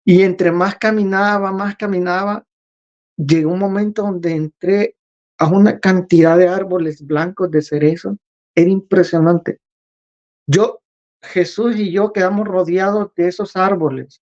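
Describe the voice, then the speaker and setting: A man being interviewed, recounting a spiritual vision in a slow, earnest, repetitive way. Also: sits high, fairly even intonation, a little mellow, highs cut off. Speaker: interview guest.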